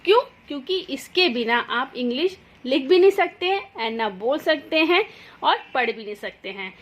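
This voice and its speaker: A woman's voice: high-pitched, animated, normal speed. A woman teaching an English phonics lesson. She speaks patiently, repeats each letter sound and checks in often. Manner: checks in with "theek hai" often.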